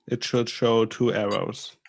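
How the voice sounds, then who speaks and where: Gravelly man walking through tech steps. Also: medium pitch, little pitch movement, unhurried. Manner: patient step-by-step instructions. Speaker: workshop helper guiding setup. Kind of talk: casual technical help on a video call. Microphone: video call.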